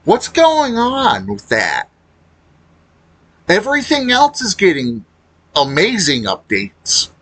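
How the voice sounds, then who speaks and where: Speaking slowly, a male video creator gives casual, improvised commentary on a game. His rough, husky voice is a bit bright and makes huge pitch swings. He halts and rambles, letting thoughts trail off and reworking them aloud.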